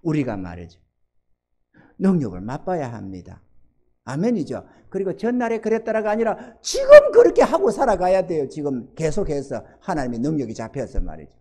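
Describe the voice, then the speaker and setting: A man's voice: a little high, big pitch swings, moderate pace, warm tone, breathy edge. A male pastor preaching a sermon, telling a story and acting out the prayers he quotes, and calling on the congregation for amens.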